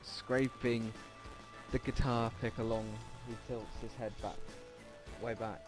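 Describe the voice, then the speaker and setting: A man reads a visual novel slowly in a level, medium-pitched voice, recorded in low quality with game music behind. It's a relaxed let's play, full of asides, and he stumbles over words occasionally.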